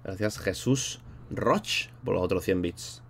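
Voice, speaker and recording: A man with a low, creaky voice speaks slowly during a casual livestream. He rambles along in slang, pausing between thoughts to thank the people watching.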